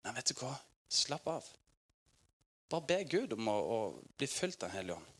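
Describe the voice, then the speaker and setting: A Norwegian man in his forties preaching to a congregation. He tells his stories with animated energy, laughs often and acts out little voices, all at an ordinary middle pitch. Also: husky. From Norway. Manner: lively storytelling with laughter, acted quotes. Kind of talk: sermon.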